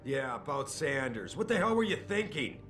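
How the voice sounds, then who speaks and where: Angry corporate boss over loud music. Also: male voice, a little high, lively intonation, a little slow, creaky. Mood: angry, scolding. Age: middle-aged. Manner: angry boss, confrontational and impatient. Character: gruff, demanding middle-aged male corporate boss. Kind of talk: video game dialogue acting. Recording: background music under the voice.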